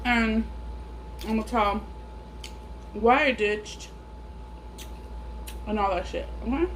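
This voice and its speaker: A mukbang vlogger from the Los Angeles area eats chicken wings while bluntly rambling through a story, swearing casually. Her voice is fairly high and fairly bright, at a slow pace. The audio is poor, with a clear air-conditioning hum in the background.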